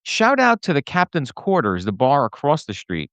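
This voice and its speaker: A man rants through a story in casual podcast chat, his smooth voice swinging widely up and down. He breaks into high-pitched impressions of the people he met. The sound is dry and close. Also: wildly swooping pitch, moderate pace, a bit bright, no echo. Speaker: podcast co-host.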